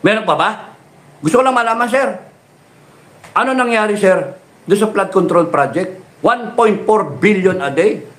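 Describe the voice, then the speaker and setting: A man's voice: high-pitched, expressive, moderate pace. A middle-aged man, delivering an impassioned political rant full of mocking rhetorical questions and swearing. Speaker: political speaker.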